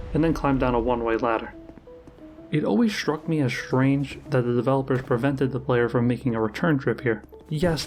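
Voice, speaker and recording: A man's mid-pitched voice delivers scripted narration in the manner of a top-list countdown about video games. He explains each point in a measured way, with music playing behind him. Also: darkish tone. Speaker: video game YouTuber, narrator. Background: background music.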